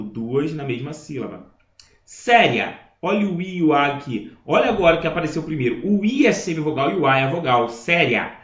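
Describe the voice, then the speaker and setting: A man's voice: a little high, a bit bright. A man teaching a grammar lesson, explaining step by step and checking in with his listeners. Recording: echoey room, dull lo-fi sound.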